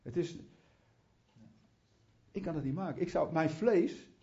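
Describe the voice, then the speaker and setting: Male preacher, fervent and chatty, slightly high voice with a mellow tone, muffled lo-fi recording. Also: measured pace. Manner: fervent, rising to prayerful fervor; chatty asides, restarts. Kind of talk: sermon. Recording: muffled lo-fi sound.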